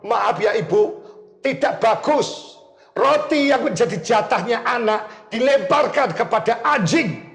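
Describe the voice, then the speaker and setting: A man's voice: extremely high pitch, expressive, unhurried, vocal fry, a bit bright, roomy sound, soft background music, voice pushed up, exaggerated voice. A man preaching in the voice of Jesus, giving a curt and testing answer. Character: Jesus, a calm male teacher.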